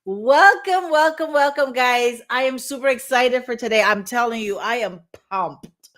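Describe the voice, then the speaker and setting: A woman acting as a dating and marriage coach hosts a casual livestream, bubbly and excited, her talk running on in rambling sentences. Her pitch is fairly high, her pace a little slow, and faint music plays behind her.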